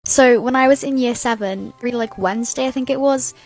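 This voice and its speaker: A woman's voice: on the high side, fast talker, a little mellow, soft background music, poor audio. A young woman rambling casually through a school memory. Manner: rambling, laughing along. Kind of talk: casual storytime.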